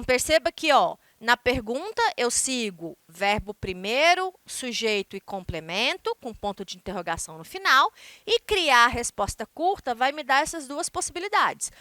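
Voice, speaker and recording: A Brazilian woman teaching an English grammar lesson, explaining step by step and reading English examples slowly and clearly. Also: sits high, sharp tone, no room sound. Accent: Brazilian Portuguese. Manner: explains step by step, ending points with "tá?".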